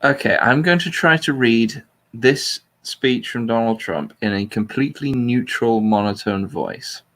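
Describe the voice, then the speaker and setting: Chatting casually, this male talk show host also reads a transcript aloud with intentional flatness and dry informality. His voice is medium in pitch, expressive, fairly bright, and measured in pace.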